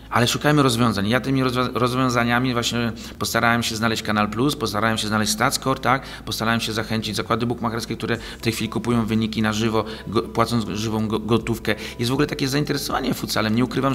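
Talkative man with a low voice. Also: pushed and bright. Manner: talkative, many fillers and restarts. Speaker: league president, guest. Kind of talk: interview answers. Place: small office studio. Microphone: desk mic on boom arm.

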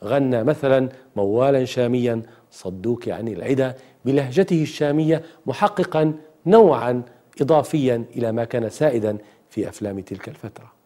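A male host presents a music history program in measured, analytical narration. His voice is mellow and warm. It sits at an ordinary middle pitch, and he lays out each point with care. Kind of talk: scripted documentary narration.

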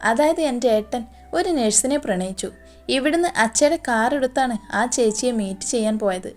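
A woman's voice: a little high, lively intonation, moderate pace, soft background music, natural voice. A woman voicing a cheeky younger sister who teases her brother in mocking banter. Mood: teasing.

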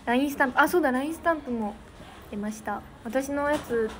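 On a noisy livestream, a young idol with a Niigata Japanese accent chats casually and giggles with fans, thanking viewers by name. Her voice is high-pitched and her pace is quick.

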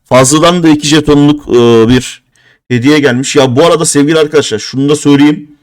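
A man's voice: on the high side, quick pace. A man in his thirties streaming a mobile game live, talking casually and growing exasperated and cursing as he goes. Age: 30s. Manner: frustrated, exasperated, swearing in bursts.

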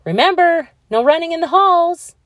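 A woman voicing an affectionate, excitable female schoolteacher in a children's storybook, effusive and exclaiming. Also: a little high, unhurried, no echo, highs cut off. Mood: calling out. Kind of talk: children's storybook character reading.

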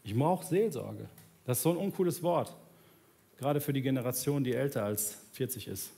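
Gravelly and lively in intonation, this man in his thirties preaches at normal speed on a large church stage. He earnestly alternates soft, low moments with pleading, raised ones, then finishes with a prayer over soft instrumental music.

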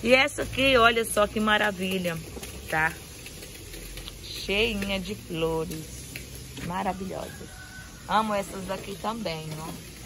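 This woman speaks slowly at a medium pitch with long pauses as she shows off her garden for a vlog, holding her phone while she walks outdoors. She is admiring and effusive, praising each plant again and again. Background noise can be heard.

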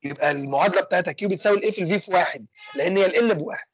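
A young man with an Egyptian accent teaching an engineering class online. He talks fast and keeps asking questions and then answering them himself. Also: high voice, slightly rough, no echo, soft background music. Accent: Egyptian Arabic. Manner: fast, asks and answers his own questions. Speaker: engineering lecturer. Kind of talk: online lecture with student questions.

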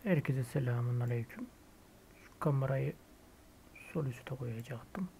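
A Turkish man hosting a casual gameplay video, thinking aloud as he builds and muttering quiet asides to himself. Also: medium pitch, measured pace, gravelly, slight background noise. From Turkey. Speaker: gaming YouTuber host.

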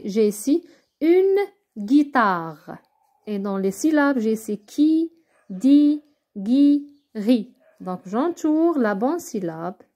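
A woman's voice: fairly high pitch, warm tone. A woman teaching young children step by step, patiently sounding out syllables one at a time and often checking that they follow. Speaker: primary school teacher. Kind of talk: slow, step-by-step remote lesson for young children.

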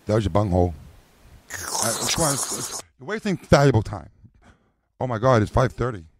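A man's voice: mid-range voice, sing-song, moderate pace, slight background noise. A man, a voice performer, chatting casually and rambling, stumbling and repeating words. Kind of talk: casual chat.

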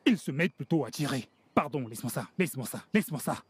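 An actor playing a domineering, indignant street gang boss in a dubbed film drama, scolding emphatically. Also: male voice, medium pitch, lively intonation, quick pace, slightly rough. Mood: indignant ranting. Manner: scolding, emphatic, repeats himself.

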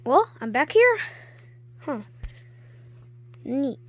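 A woman's voice: high-pitched, very animated, drawn-out words. A woman narrating a playful toy skit in a giggly, chatty way. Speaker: toy video creator.

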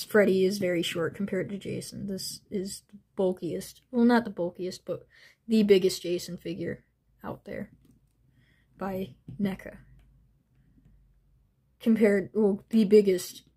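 A young woman showing off collectible figures and masks, gushing with excitement and often trailing off mid-sentence. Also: medium pitch, a little slow, pauses often, breathy edge. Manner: gushing, breathless, trailing off and restarting. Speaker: toy collector vlogger. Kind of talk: excited unboxing vlog.

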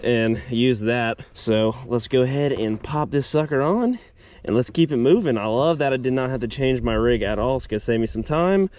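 A man who hosts fishing videos and competes in fishing chats casually and slangily to viewers in an outdoor vlog that includes a scripted sponsor read. His voice is mid-range and darkish in tone, with lively intonation at a moderate pace.

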